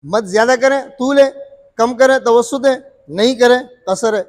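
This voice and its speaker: A man's voice: very high voice, normal speed, in a large hall. A man teaching Quran recitation rules, repeating terms, quizzing his listeners and drawing out sung examples. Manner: frequent filler "what's it called". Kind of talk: explaining recitation rules to students.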